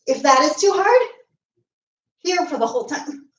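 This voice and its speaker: A woman's voice: high-pitched, sing-song, moderate pace. A woman fitness coach leading a live home workout, out of breath as she exercises along and counts reps aloud. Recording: echoey room, mic at a distance.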